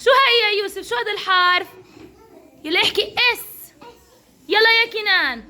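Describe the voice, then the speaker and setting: Levantine woman kindergarten teacher, very high and bright, cheering kids on one by one in a classroom. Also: brisk. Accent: Levantine Arabic. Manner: encouraging, praising each child by name. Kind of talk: classroom instruction.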